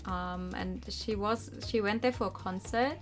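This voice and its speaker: A young woman streaming a visual novel narrates its text and slips into informal chat, soft game music playing in the background. Her medium-pitched voice keeps a measured pace, animated and full of meandering asides.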